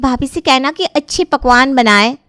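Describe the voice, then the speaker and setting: A very high, girlish cartoon wife coos and gushes with sugary sweetness, as a woman plays her. Her voice sounds dry and close to the mic. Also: normal speed, a bit bright, no echo. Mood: cooing. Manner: cooing, gushing. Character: sweet pampered young wife.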